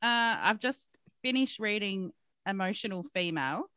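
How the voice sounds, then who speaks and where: A woman co-hosting a podcast, chatting casually and laughing often. Her voice sits in a middle pitch. The recording is dry and close. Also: lively intonation, moderate pace, sharp tone, clean tone, no room sound. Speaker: podcast co-host. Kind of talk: casual chat.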